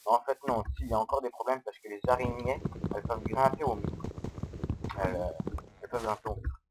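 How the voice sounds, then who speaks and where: A man giving casual, hesitant gameplay commentary, explaining step by step on a low-quality microphone. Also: quick pace, very noisy. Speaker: Minecraft let's-player.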